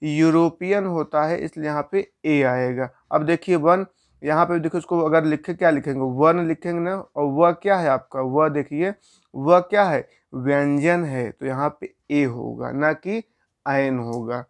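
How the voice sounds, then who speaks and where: Clear-voiced male grammar teacher. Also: a little high, unhurried. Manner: explains step by step, asks questions and answers them himself. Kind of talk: grammar lesson.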